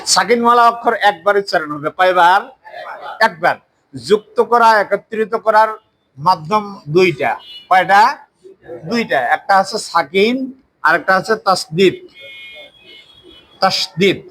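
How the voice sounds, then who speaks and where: Sex: man. Role: Quran teacher. Pitch: high. Style: classroom recitation lesson, drilling sounds and answering his own questions. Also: moderate pace, long pauses, a bit bright, poor audio. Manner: drills pronunciation, asks questions and answers them himself. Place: mosque classroom.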